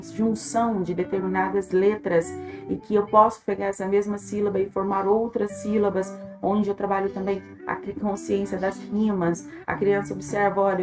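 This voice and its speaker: A woman teacher, explaining her teaching material in an earnest, emphatic way. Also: medium pitch. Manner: earnest, emphatic, voice swells on key points. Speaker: teacher and workbook creator. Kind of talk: explanatory talk to viewers.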